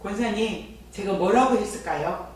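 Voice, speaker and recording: A woman's voice: mid-range voice, moderate pace, recorded from a distance. Woman pastor preaching in an echoey church. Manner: lively storyteller who chats with the congregation. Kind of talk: sermon with personal testimony. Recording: very echoey church from afar, faint hum.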